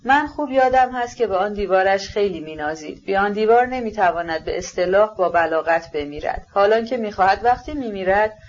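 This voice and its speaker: A woman reading the lines of a polished young male aristocrat in an ironic, measured way. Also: medium pitch, animated, lo-fi sound, natural voice.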